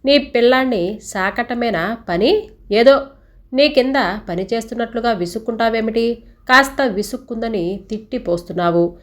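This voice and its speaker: A sharp-tongued older mother-in-law who berates and complains, as a woman storyteller acts her out. She sounds bitter and wounded. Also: on the high side, normal speed, lightly acted. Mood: berating. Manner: berating, then wailing.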